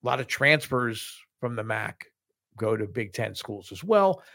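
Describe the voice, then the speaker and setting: A man's voice: lowish voice, very animated, measured pace, creaky, fairly bright tone. A middle-aged man co-hosting a college sports podcast, talking casually and with enthusiasm, often restarting his sentences. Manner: enthusiastic, repeats words and restarts. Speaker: podcast co-host.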